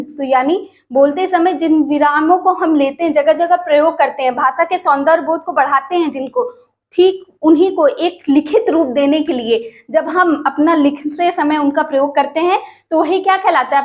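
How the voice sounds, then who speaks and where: A woman teaching an exam-prep grammar lesson, asking questions and answering them herself and calling her viewers friends. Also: high-pitched.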